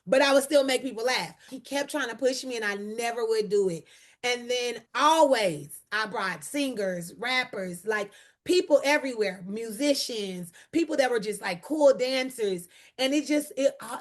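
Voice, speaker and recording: A woman comedian and actor telling stories as an interview guest, bold and energetic in her delivery. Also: fairly high pitch. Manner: bold, energetic, emotional at times. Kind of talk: animated interview storytelling.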